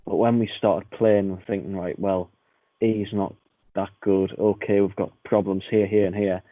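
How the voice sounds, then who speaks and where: A low-voiced man rambles through a casual football chat, full of fillers and jokes. His mic sounds dull and lo-fi, dry with no room echo. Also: flat delivery, moderate pace. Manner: rambling, filler-heavy, jokey. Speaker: podcast guest.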